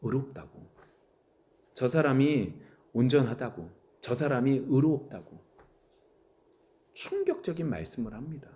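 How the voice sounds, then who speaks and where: A middle-aged man preaching a sermon as pastor, swinging from loud exclaiming to hushed whispers. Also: medium pitch, huge pitch swings, measured pace, pauses often. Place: church sanctuary.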